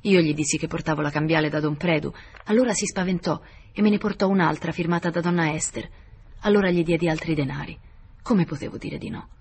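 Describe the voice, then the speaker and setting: A man's voice: on the high side, slight background noise, close to an everyday voice. A man voicing a placid, sly old moneylender woman who talks without hurry, in a storybook reading. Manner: placid, unhurried.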